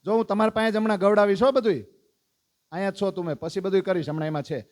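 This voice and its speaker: A man's voice: sits high, quick pace. A man leading a devotional lesson, calling out lists and prompting the congregation to recite along. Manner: lively, calls out lists and prompts the audience to recite. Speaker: religious teacher.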